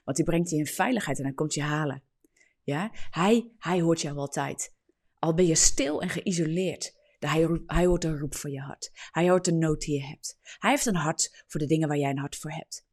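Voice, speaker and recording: A woman preacher giving a fervent, repetitive sermon that swings between loud declarations and hushed, slow passages. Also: deep voice. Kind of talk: charismatic sermon, prophetic prayer. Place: livestream.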